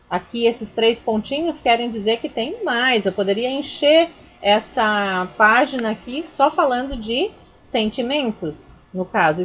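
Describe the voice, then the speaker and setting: Lively Brazilian woman teaching children. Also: fairly high pitch. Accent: Brazilian Portuguese. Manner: patient, repetitive explaining, pointing things out. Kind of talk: recorded grammar lesson for children.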